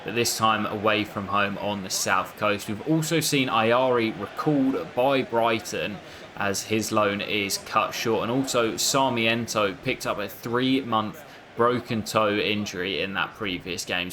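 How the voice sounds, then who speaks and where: A man's voice: fairly low pitch, bright, forceful tone. A man giving commentary over his own football video game career, breaking into exasperated outbursts when things go wrong. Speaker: gaming YouTuber. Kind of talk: gameplay commentary.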